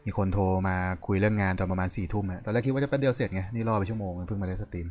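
A young man casually commentating his card game on a live stream, chatty and quick, greeting viewers by name and apologizing often. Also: lowish voice, a little mellow. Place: home room at night.

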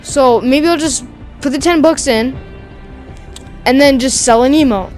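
A woman talking casually over her own gameplay, excitable and slangy, yelling and laughing at the game. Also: high voice, measured pace, faint music behind. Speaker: gamer streaming gameplay.

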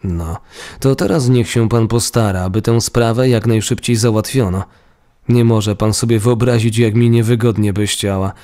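A man's voice: fairly low pitch, fairly even intonation, normal speed, warm tone, close to an everyday voice. A man voicing a polite, bodiless young nobleman's ghost. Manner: humbly formal, pleading tone.

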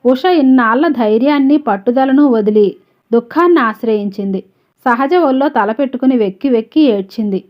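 A woman storyteller reading a novel aloud at a steady, unhurried pace. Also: on the high side. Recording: slightly dull, lo-fi audio.

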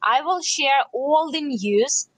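A woman interprets into English, voicing each phrase just after the speaker and occasionally translating loosely. Her high, bright voice is expressive and slow, captured in a close, dry, echo-free recording that sounds rough.

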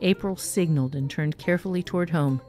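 A woman's voice: quick pace, faint music behind. A woman narrating a short story, giving the characters their own voices. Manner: expressive, voices characters with raised pitch.

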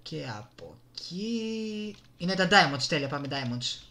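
Speaking into a desktop gaming microphone, this male gaming YouTuber with a Greek accent and a voice on the high side narrates his play live. His commentary is casual and excitable, full of exclamations and self-directed muttering.

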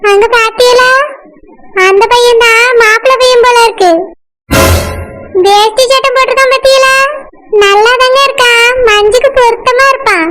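A woman's voice: very high voice, steady tone, sharp tone, faint music behind. A woman with a Kanyakumari Tamil accent voicing an anxious village mother who pleads and scolds. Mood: fretting. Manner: pleading, scolding, fast fretting.

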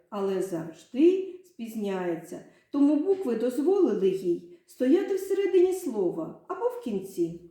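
Slow sing-song woman teaching children. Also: high-pitched, mellow. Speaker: primary school teacher. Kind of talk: children's literacy lesson with a story. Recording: very echoey room.

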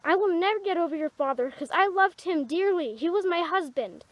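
A woman's voice: extremely high pitch, lively intonation, a little fast, no room sound, dull audio. A woman voicing a protective, widowed mother rabbit who scolds in an anxious, motherly way. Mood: scolding, tender.

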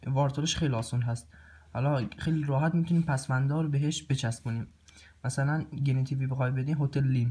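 A man teaching a recorded grammar lesson. He pauses often with filler sounds and clears his throat now and then. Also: medium pitch, darkish tone. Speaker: language teacher.

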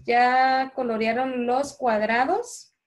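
A woman primary school teacher with a Honduran Spanish accent, teaching a children's online class slowly and clearly and calling the pupils by name. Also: on the high side, steady tone, slight background noise. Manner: patient, slow and clear, calls children by name. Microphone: video call.

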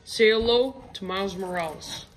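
A female speaker showing off toy figures, heard in slowed-down playback that drags and deepens the voice. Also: a little hiss or hum, rough recording. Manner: drawn-out, sluggish delivery. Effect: slowed-down playback, pitched deeper. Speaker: toy reviewer. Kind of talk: casual toy show-and-tell.

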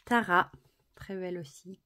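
A woman presenting an oracle card deck, softly admiring each card and then reading the booklet text aloud. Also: on the low side, steady tone, a little slow.

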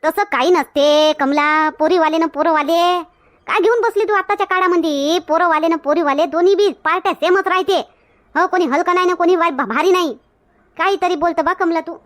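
A woman's voice: very high voice, normal speed. An actress with a Varhadi Marathi accent playing a blunt, outspoken village woman who scolds and lectures in a comedy skit. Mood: scolding. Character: outspoken village woman Shantabai, quick to flare up. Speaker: comic actor.

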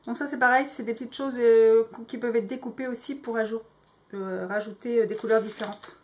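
A woman's voice: a little high, steady tone, brisk, a little mellow, a little hiss or hum. A woman vlogging in French, casually showing crafting dies with lots of hesitant fillers. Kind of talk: casual show-and-tell.

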